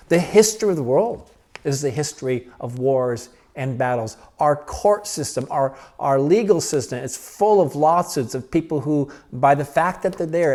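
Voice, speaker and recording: An older man preaches in a plain, earnest way, as if talking with his congregation rather than at them. His voice sits a little high for a man, and he slows right down to let key lines sink in. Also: darkish tone. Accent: Pacific Northwest American. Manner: conversational, earnest, with restarts and slowed-down emphasis. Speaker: pastor. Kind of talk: sermon.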